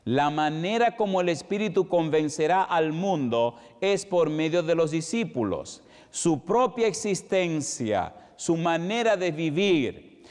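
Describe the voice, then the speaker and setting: Preaching with a Dominican Spanish accent, a middle-aged evangelist from the Dominican Republic shares a heartfelt personal story, moving between slow, emphatic passages and fast ones. His voice sits on the higher side, darkish yet clear and resonant. The recording carries long hall reverb.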